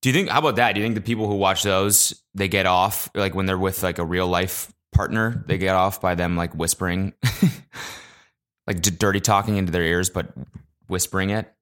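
A man hosting a casual solo podcast, talking into a podcast mic in an animated, profane rant that jumps between loud exclamations and low mutters. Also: moderate pace. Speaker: podcast host. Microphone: podcast microphone.

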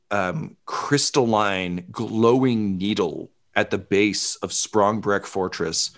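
A man narrating as game master of a tabletop game, relaxed, with lots of fillers and swearing. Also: lowish voice.

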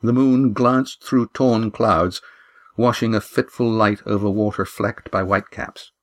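A man narrating a novel chapter in a steady, measured reading voice. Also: on the low side. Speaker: audiobook narrator. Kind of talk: scripted story narration.

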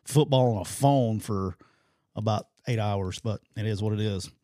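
A man's voice: lowish voice, normal speed, warm tone, no room sound, clean studio sound. A man hosting a casual sports show, talking in an informal, folksy, colloquial way. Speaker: sports podcast host.

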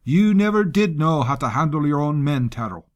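A man's voice: fairly high pitch, lively intonation, normal speed, voice pushed up, natural voice. A man voicing a stern male grand general who speaks in a formal, controlled way.

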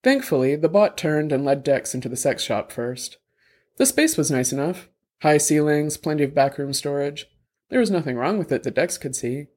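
Male audiobook narrator, wry, steady, slightly high voice. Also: normal speed.

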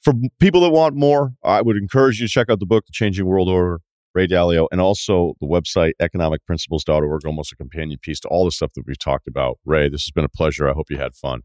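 A man's voice: low-pitched, quick pace, a little mellow, no echo, studio quality. A man hosting a sports podcast, chatting casually and reading out listener emails.

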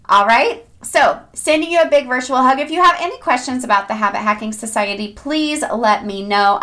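A woman's voice: mid-range voice, a bit bright. A woman hosting a self-improvement advice podcast, speaking in an upbeat, chatty and encouraging way, as if to friends. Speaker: podcast host.

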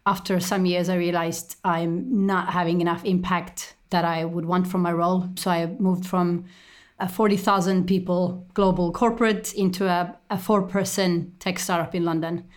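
A woman in her thirties, raised in Estonia, answers interview questions in a steady, articulate manner, pausing on small ums and repeated words. Her voice sits a little on the low side. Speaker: guest, company executive. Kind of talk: conversational interview.

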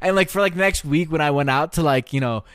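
A man's voice: fairly high pitch, fairly quick, fairly bright tone, no room sound, studio quality. A giggly, drunk man co-hosting a podcast, rambling and swearing through casual stories. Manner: profane, rambling. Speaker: podcast co-host. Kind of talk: casual storytelling chat.

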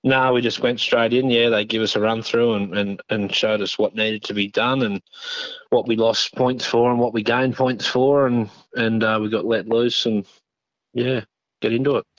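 A man's voice: medium pitch, fairly even intonation, normal speed, no echo. A middle-aged Australian man giving a casual phone interview in a laconic, understated outback drawl. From northern New South Wales, Australia. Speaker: interview guest, machinery operator. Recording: dull phone line.

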